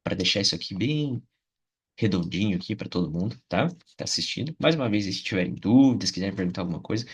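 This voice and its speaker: Husky-voiced Brazilian English teacher. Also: male voice, low-pitched. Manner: patient, repeats words slowly for pronunciation; frequent check-ins with his viewers. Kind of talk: video lesson.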